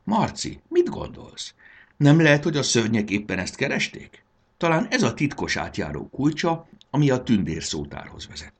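A man voicing a tiny, brave and excitable fairy girl in a storybook reading, with high shrill cries. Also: breathy edge, full character voice. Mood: wondering. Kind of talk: audiobook character voice.

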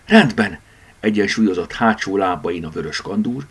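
A man narrating a children's book chapter, expressive and dramatic in his storytelling. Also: low voice, breathy edge. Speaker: audiobook narrator. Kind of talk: scripted narration.

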